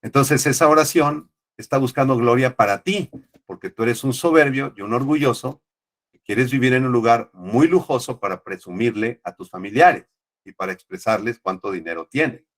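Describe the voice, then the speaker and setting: A man's voice: mid-range voice, normal speed. A male pastor teaching an online Bible class, often checking in with his students and explaining Greek words.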